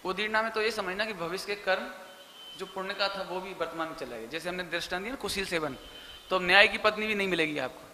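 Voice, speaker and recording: A man giving a religious sermon, animated and emphatic, speaking directly to his listeners. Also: sits high, quick pace. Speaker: Jain preacher. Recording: echoey hall with faint noise.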